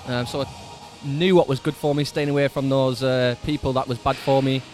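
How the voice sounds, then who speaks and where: A man with a Lancashire accent tells stories in a relaxed, unhurried way, pausing often. His voice is mid-pitched, and faint music plays behind him. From Preston, Lancashire, England. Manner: laid-back, storytelling with many "um"s. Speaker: fitness coach, podcast guest. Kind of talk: casual interview chat.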